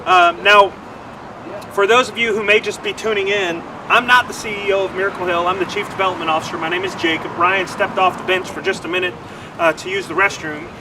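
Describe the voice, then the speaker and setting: A man's voice: sits high, steady tone, a little fast. A man chats loosely on a charity livestream, tripping over his words as he goes. He sits a little back from the microphone outdoors. Cars pass steadily on the street behind him. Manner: rambling, stumbles over words. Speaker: charity development officer. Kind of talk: livestream fundraising chat. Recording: distant mic with traffic noise.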